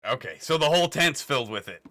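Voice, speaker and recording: A man's voice: medium pitch, expressive, quick pace, pushed and bright. A man narrating as game master in a tabletop game, casual and swearing with laughs.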